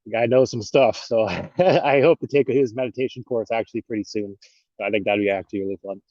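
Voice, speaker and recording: A man's voice: fairly low pitch, fast talker, darkish tone, dry recording. A man, out of breath from a bike ride, introducing himself on a video call in a rambling way with many fillers. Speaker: workshop participant, yoga instructor. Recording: dull lo-fi call audio.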